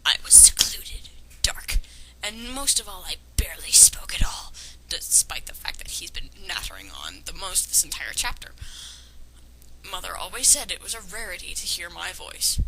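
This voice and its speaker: In a fairly high, sharp voice, an amateur fan fiction reader performs a story aloud and keeps cutting in with mocking commentary. Those casual asides are sarcastic, picky, and somewhat hesitant. Noise is clearly audible throughout this homemade recording.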